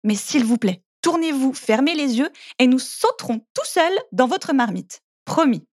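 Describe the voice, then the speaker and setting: A woman's voice: high-pitched, sing-song, measured pace, dry recording, clean studio sound, exaggerated voice. A woman voicing a tiny, clever little girl in a storybook reading, with urgent, pleading speech.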